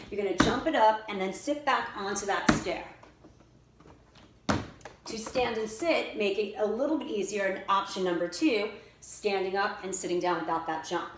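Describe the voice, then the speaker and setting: A woman fitness instructor giving directive, step-by-step workout instruction and exercise cues. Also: mid-range voice. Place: indoors by a staircase. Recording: echoey room with faint noise.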